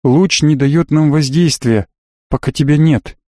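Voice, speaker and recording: A man voicing a quiet, earnest young man who pleads and confides through a closed door. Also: a little high, measured pace, dry recording, studio quality, natural voice.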